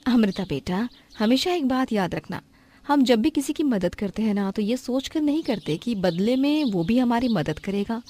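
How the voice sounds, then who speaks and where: A woman voicing a gentle, patient mother who sells vegetables, in a cartoon story, speaking in a soft, reassuring way. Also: a little high, expressive, moderate pace. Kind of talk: cartoon voice acting.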